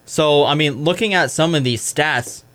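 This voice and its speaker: Reading scores and stats at a normal speed, a young male sports show host on college radio sounds a little high and fairly bright. He's casual and talkative, leaning on "I mean" and correcting himself often.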